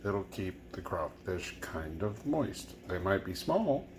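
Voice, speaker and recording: A man's voice: low voice, sing-song, slow, a little hiss or hum. A tipsy man hosting a casual home cooking video, loose and chuckling as he talks viewers through the dish. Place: home kitchen.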